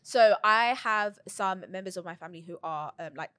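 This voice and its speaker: A woman's voice: medium pitch, moderate pace, pushed and bright, no room sound, studio quality. A woman co-hosting a podcast, speaking in a reflective, encouraging way in casual chat. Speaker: podcast co-host.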